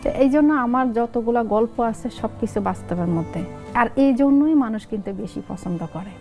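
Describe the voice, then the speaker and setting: Lively middle-aged woman with a Noakhali accent. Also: fairly high pitch, moderate pace, faint music behind. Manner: lively storytelling, acts out family dialogue. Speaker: content creator guest. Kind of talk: casual interview talk.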